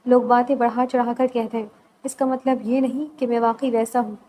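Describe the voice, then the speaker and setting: A woman's voice: on the high side, little pitch movement, close to an everyday voice, poor audio. Woman reading as earnest pleading young husband. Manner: soft, earnest, reassuring. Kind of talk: novel read aloud.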